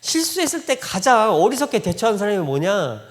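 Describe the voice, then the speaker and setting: A man's voice: high voice, big pitch swings, fairly quick. A male pastor giving a Sunday sermon in a church, telling stories conversationally and acting out the dialogue. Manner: conversational storytelling, acting out quoted dialogue, frequent laughter. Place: church sanctuary. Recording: long reverb of a church hall.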